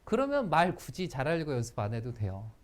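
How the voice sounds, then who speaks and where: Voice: medium pitch, fairly quick. An instructor giving a workplace etiquette lecture to students, acting out example lines in quotation. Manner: lively, acts out example lines in quotes. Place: school training session.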